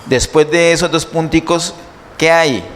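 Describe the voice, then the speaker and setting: A man's voice: fairly high pitch, steady tone, measured pace. A man preaching a sermon in a church, teaching step by step and asking his listeners many questions. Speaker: pastor. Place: church hall. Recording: church hall reverb, faint noise.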